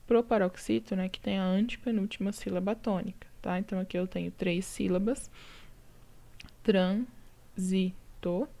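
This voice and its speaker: A woman with a Brazilian Portuguese accent teaching a recorded lesson, walking through each answer step by step. Her voice is dark and gravelly, with a mellow, unhurried tone. She checks in with her students often as she explains. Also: medium pitch, steady tone. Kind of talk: recorded lesson going over exercises.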